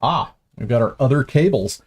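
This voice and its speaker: A man's voice: medium pitch, lively intonation, moderate pace, husky. A man unboxing gear on a live stream, chatty and self-mocking, stumbling over words and starting lines again.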